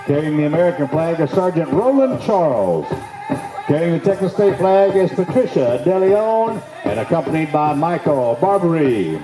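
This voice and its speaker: A man working as a powwow emcee, announcing the grand entry to the crowd in a folksy, showman's manner with drawn-out phrases. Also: fairly high pitch, big pitch swings. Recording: echoey PA sound with music behind.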